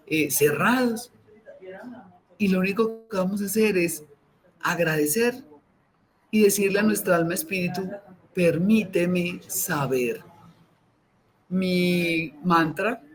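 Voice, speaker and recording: A woman with a Colombian accent leading a guided meditation, giving calm, soft, drawn-out breathing cues. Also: low voice, low-quality recording.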